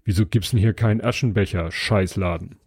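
A man's voice: lowish voice, a little fast, darkish tone, husky, dry recording, studio quality. A man voicing a drunken, cynical kangaroo at a bar, slurring and mocking in a read-aloud story. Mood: boozy.

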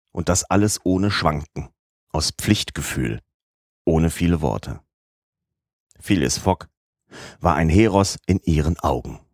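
A man narrating a classic adventure novel as an audiobook in a measured, even storytelling manner. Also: low voice, dry recording, studio quality.

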